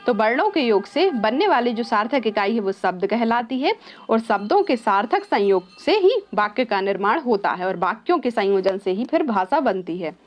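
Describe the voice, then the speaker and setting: A woman teaching an exam-prep lesson who mixes English words into her explanation. She asks her own questions and then answers them. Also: a little high. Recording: slightly dull, lo-fi sound.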